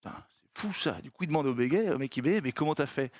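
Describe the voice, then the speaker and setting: A man's voice: a little high, expressive, no echo, studio quality. A man telling a joke to his friends on a chat show. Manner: joking, slows down to narrate. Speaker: show regular.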